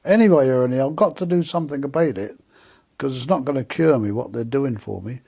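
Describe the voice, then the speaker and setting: A man's voice: mid-range voice, brisk, vocal fry, darkish tone, slightly rough. A man voicing his ailing friend in a spoken story, plain and resigned. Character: ailing man, a comedian friend, matter-of-fact.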